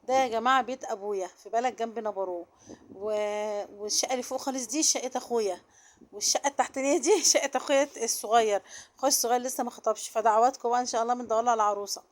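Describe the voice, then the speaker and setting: Fast-talking Egyptian woman vlogger. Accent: Egyptian Arabic. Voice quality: soft, low-volume voice. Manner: chatty, addresses viewers directly. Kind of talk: casual vlog narration.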